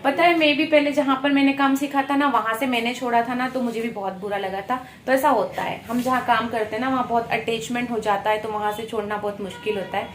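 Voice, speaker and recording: A young woman chats to her viewers, lively and teasing. Her voice sits fairly high and rings around a bare, echoey room, with faint noise underneath. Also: quick pace, hardly any pauses. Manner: animated, coaxing and teasing with laughs. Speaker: vlogger. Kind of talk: casual vlog chat. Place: workplace room among staff.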